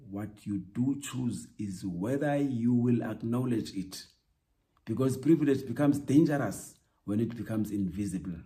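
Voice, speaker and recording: A man hosting a podcast, delivering a reflective spoken essay in a measured, emphatic way with repeated rhetorical lines. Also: medium pitch, warm tone. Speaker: podcast host.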